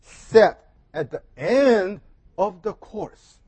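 A man with a high voice preaching from a pulpit microphone, taking his time over each phrase. The sound is close and dry, with almost no room echo. He speaks in short, deliberate bursts, pausing between them. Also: lively intonation, darkish tone, slightly rough. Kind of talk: sermon delivered in short phrases for an interpreter.

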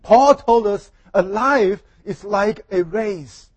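A man preaching a sermon at a pulpit microphone in a church, speaking in short measured phrases and pausing for an interpreter. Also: sits high, no room sound.

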